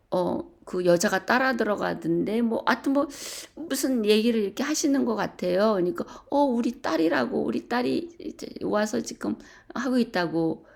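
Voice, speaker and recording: A middle-aged woman telling a personal story to a church group, animated and full of hesitant fillers. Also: fairly low pitch, gravelly. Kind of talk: casual storytelling.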